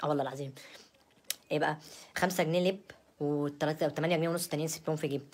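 A woman's voice: low-pitched, steady tone, very fast, a little mellow. A young woman with an Egyptian accent playing a brazen, spoiled young wife in a comedy sketch, rambling and stammering in a sassy way. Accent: Egyptian Arabic.

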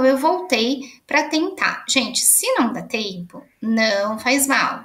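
A Brazilian teacher woman talks through a children's lesson very slowly and patiently, drawing out each word. Her voice sits fairly high. The room around her is echoey. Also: fairly bright tone. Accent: Brazilian Portuguese. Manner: slow, patient, stretches words out for children. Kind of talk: online literacy lesson for young children.

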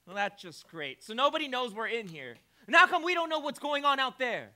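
An actor playing a blunt, questioning police officer in a stage musical. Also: male voice, very high voice, big pitch swings, fairly quick, background noise. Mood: skeptical.

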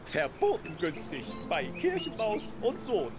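A man's voice: high-pitched, huge pitch swings, unhurried, music in the background, full character voice. A man voicing an eager male mouse merchant in an adventure game, with theatrical sales patter. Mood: showy, coaxing. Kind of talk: cartoonish adventure game acting.

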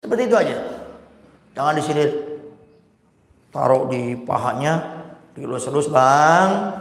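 A male preacher delivers a lively sermon, playful and animated, slipping into little acted-out dialogues. His mid-range voice rings through a large hall, with a long, roomy reverb trailing each phrase. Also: medium pitch, moderate pace, gravelly. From West Java, Indonesia. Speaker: preacher leading a religious study circle.

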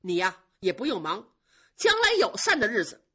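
A sulky, spoiled young nobleman scolding with heavy sighs, as a woman storyteller acts him out. The voice jumps up and down with feeling and carries a husky edge. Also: a little high, big pitch swings, fairly quick, fairly bright tone, voice pushed up, full character voice. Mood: irritated. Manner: sighing, exasperated scolding. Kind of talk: traditional storytelling.

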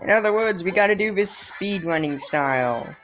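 During a casual let's play, this gameplay commentator reads the game's dialogue aloud and quips sarcastically about it. Her mid-range voice is animated and a bit bright at normal speed, with soft music in the background.

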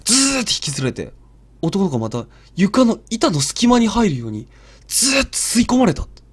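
A man narrating a ghost story in a hushed, dramatic storytelling manner. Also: sits high, sing-song, a little fast, slightly rough. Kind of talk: live ghost story telling.

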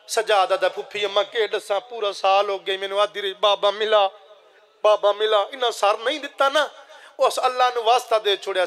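Guy preaching a majlis, high bright voice, calls out to the crowd and slides into chanting. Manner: impassioned, addresses listeners directly, swells into chanting. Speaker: zakir reciting a majlis. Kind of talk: Muharram majlis recitation with sung lament.

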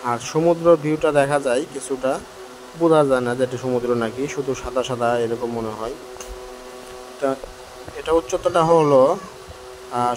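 Out on hillside stairs, a travel vlogger with a medium-pitched voice huffs a little as he climbs, addressing viewers in a chatty, frank, complaining way. It's recorded roughly on a handheld phone, with heavy outdoor noise.

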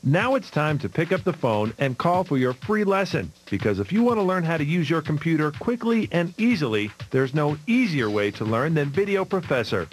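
A man's voice: fairly high pitch, very animated, normal speed, few pauses. A man reading a scripted hard-sell ad as an announcer, urgent and emphatic. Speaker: infomercial announcer. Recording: music behind the voice. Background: background music.

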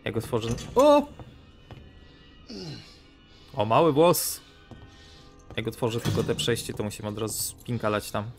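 Excitable joking man commenting on a game. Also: medium pitch, measured pace, long pauses, soft background music. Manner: excitable, joking, swears a lot. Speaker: let's play host. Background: game audio.

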